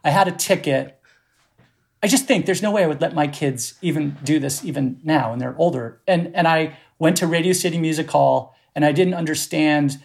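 A man's voice: a little high, normal speed, vocal fry, darkish tone. A middle-aged man from the Boston area, a podcast guest, telling rambling, profane, self-deprecating stories full of restarts. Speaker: podcast guest, festival producer. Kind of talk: casual storytelling conversation.

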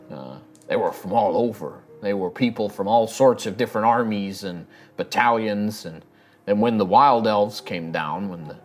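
Tabletop RPG local: male performer as gruff, folksy weathered elf man, low register, rustic phrasing. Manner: plain-spoken folksy rustic talk, ain't and afeared. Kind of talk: in-character tabletop role-play.

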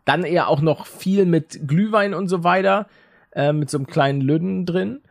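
A man's voice: on the high side, creaky. A young man co-hosting a casual comedy podcast, rambling and joking. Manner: rambling, jokey, quick to laugh. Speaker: podcast co-host.

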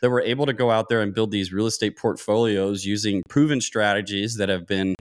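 Talking a little fast in a fairly low voice with fairly even intonation, this podcast guest, a real estate investor in his thirties, explains things in a conversational way. He thinks aloud and frequently starts his sentences over.

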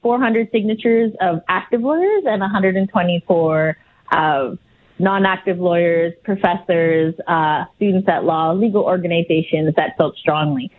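A woman's voice: on the low side, phone-quality sound, slight background noise. A woman legal director answering interview questions earnestly, often restarting phrases and searching for words.

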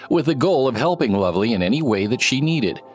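A man giving scripted documentary narration in a measured, even delivery. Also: medium pitch, faint music behind. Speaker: podcast narrator.

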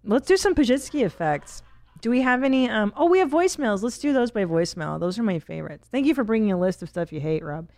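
A woman's voice: a little high, animated, fast talker, a little mellow, no echo. A woman hosting a podcast, blunt and joking, swearing freely in casual chat. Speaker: podcast host.

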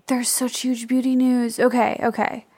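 A woman with a slightly high voice co-hosts a casual podcast. She talks in a chatty, informal way, as in everyday conversation. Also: level tone, moderate pace, a little mellow, dry recording. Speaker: podcast co-host. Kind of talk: casual chat.

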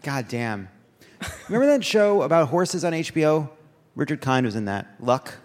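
On a large theater stage before an audience, a man hosts a live comedy podcast and runs a quiz game with a wry, teasing manner. His fairly high voice swings widely in pitch at a moderate pace and sounds a little mellow. The live theater recording carries long reverb.

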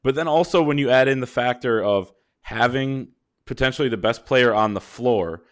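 A man hosting a sports podcast, talking through basketball games in a measured, casual way with long, winding points. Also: mid-range voice. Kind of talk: casual sports analysis chat.

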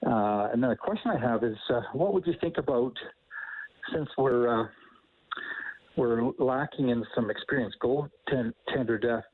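A man calling in to a sports talk show over the phone, hesitant and pausing with ums. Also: medium pitch. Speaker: caller. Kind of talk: sports call-in chat. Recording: tinny phone line.

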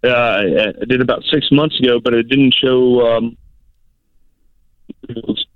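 A man calling in over a tinny, dry phone line. He talks hesitantly and stumbles over his words, with polite sirs and ma'ams. His voice sits at an ordinary middle pitch. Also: fairly even intonation, a little slow, no echo. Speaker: caller. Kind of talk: casual call-in chat.

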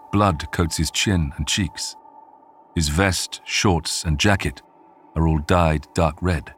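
A man narrates in a steady, scripted documentary style. His voice sits very low and deep. Soft music plays quietly beneath him. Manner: measured, even storytelling delivery. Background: faint music.

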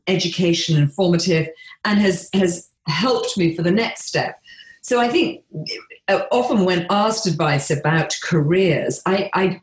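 A middle-aged woman from England, speaking in a measured, reflective way with frequent pauses and restarts as an interview guest. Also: on the low side, echoey room, low-quality recording. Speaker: interior designer and author being interviewed.

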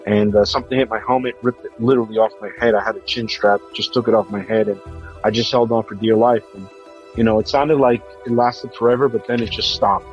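A man, a police officer, recounting what he lived through in halting testimony, with frequent fillers and restarts. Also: on the low side, fairly even intonation, highs cut off, faint music behind. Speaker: police officer recalling a disaster.

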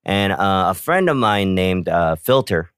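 A man in casual chat who tells stories with animated acted-out reactions. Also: low-pitched, measured pace, smooth, dry recording, clean studio sound. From South Korea. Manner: animated storyteller, acts out reactions.

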